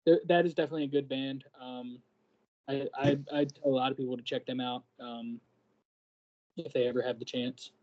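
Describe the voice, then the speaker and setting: A man's voice: mid-range voice, fairly even intonation, a little fast, muffled recording. A man co-hosting a podcast, chatting casually and hesitating with lots of ums while he searches for words. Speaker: podcast co-host. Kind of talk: casual chat.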